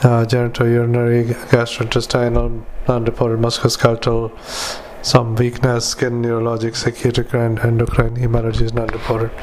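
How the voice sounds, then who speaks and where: A man dictating medical notes as a clinician, in clipped fragments with spoken punctuation and formatting commands, in a flat monotone. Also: medium pitch, a little fast, a little hiss or hum, low-quality recording.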